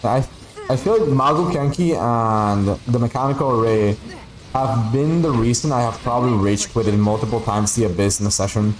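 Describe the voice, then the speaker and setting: Recorded at low quality, a game streamer with a mid-range voice chats at a normal speed, Spanish being his first language. He rambles casually during the livestream, grumbling and cursing in a playful way.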